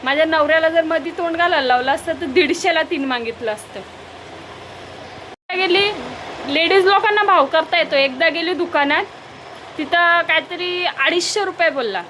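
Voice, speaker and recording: Young woman, high voice, casual vlogger, chatty and teasing, faint background noise. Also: pushed and bright. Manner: chatty, teasing, bargain-proud. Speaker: vlogger, homemaker. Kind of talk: casual home vlog narration.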